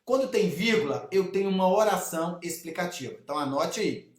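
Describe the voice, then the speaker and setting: Brazilian male teacher, high voice, lively and repetitive, echoey room. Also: a little fast. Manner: lively, addresses students directly, repeats key rules. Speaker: Portuguese teacher for exam candidates. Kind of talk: exam prep lesson.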